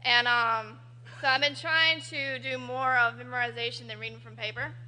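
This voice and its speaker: A woman on a poetry cafe stage, talking nervously between halting pauses and performing spoken-word poetry. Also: fairly high pitch, steady tone, pushed and bright. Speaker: performing poet.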